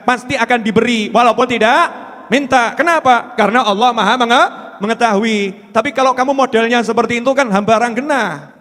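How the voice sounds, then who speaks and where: A man's voice: high-pitched, a bit bright. A man preaching a sermon with a light lilt, chanting Arabic verses between plain talk. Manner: chants and sings Arabic verses, acts out pleading voices. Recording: long hall reverb.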